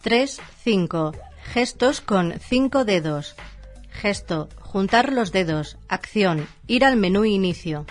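A woman's voice: mid-range voice, expressive, slow, soft background music. A woman narrating a scripted instruction manual formally, reading it out in short labelled items.

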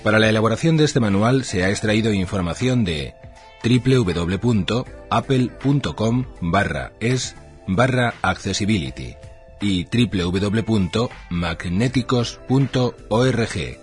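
Guy with a lowish voice reading a manual, formal short items, pretty up and down intonation, bit of music under it. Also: expressive, unhurried. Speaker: narrator of an instruction manual. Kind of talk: scripted instructional narration.

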